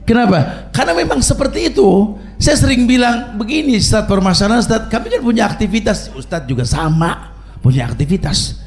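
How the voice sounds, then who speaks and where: A man's voice: high-pitched, creaky, darkish tone. A middle-aged man preaching a humorous sermon, telling stories and chanting Arabic recitations.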